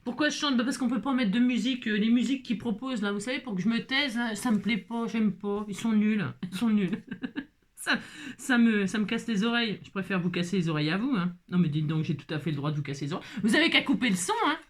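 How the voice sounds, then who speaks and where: A woman's voice: medium pitch, fast talker. A woman casually narrating a papercraft tutorial, playful and teasing as she chats straight to her viewers. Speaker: papercraft vlogger.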